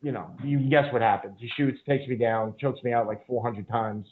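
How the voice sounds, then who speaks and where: This jiu-jitsu instructor speaks at a medium pitch with fairly even intonation and a brisk pace. As a podcast guest in a casual interview, he tells long, rambling stories full of fillers and swearing, all heard through narrow-band, phone-like sound.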